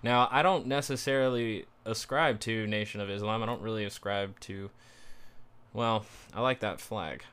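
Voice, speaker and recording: A man with a lowish voice talks through his thoughts in a loose, rambling commentary. His delivery is flat and sardonic, the monotone he himself admits to, full of ums and false starts. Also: normal speed, clear, resonant tone. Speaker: commentary streamer. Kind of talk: casual solo commentary.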